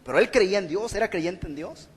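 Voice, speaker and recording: A man's voice: sits high, expressive, a little fast, breathy edge, long reverb tail. A man preaching a sermon in church, earnest and exhorting. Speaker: pastor. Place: church hall.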